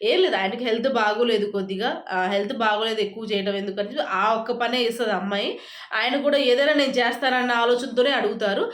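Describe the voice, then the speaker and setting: A woman rattles through a reality show recap at a brisk clip, her voice sitting a little high. The talk is loose and chatty, full of fillers and quick asides, and it echoes around a roomy space. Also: fairly even intonation. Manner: chatty, rapid retelling with many fillers. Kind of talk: casual spoken recap. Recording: roomy echo.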